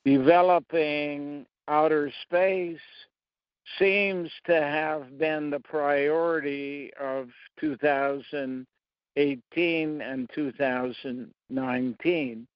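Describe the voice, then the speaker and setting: A man talking through a slow, rambling monologue, pausing often between short phrases. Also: on the high side, steady tone, smooth, dry recording, lo-fi sound. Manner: halting, long pauses between phrases. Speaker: speaker sharing beliefs.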